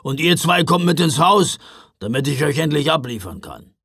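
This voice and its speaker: A man voicing Knecht Ruprecht, a gruff, impatient old Christmas helper with a gravelly, curt growl, in a storybook reading. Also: mid-range voice, big pitch swings, moderate pace, sharp tone, dry recording, clean studio sound, exaggerated voice. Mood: irritated. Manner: curt, irritated, snapping.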